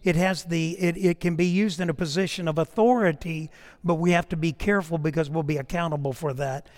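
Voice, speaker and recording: A man preaching a sermon in a conversational storytelling way, swinging between raised emphasis and quiet asides. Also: fairly high pitch, fairly even intonation, brisk, big-room sound. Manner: conversational storytelling preaching, rising and dropping to a hush.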